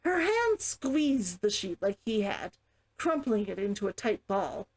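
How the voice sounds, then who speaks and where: A woman reading fiction aloud as a storyteller, in an expressive audiobook-style narration. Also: mid-range voice, measured pace, low-quality recording. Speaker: story reader, streamer.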